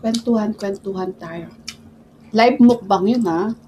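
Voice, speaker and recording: A woman's voice: medium pitch, measured pace, mellow. A Filipino woman hosting a mukbang vlog, chatting casually and chewing while she talks. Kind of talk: casual chat while eating. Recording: clear background noise.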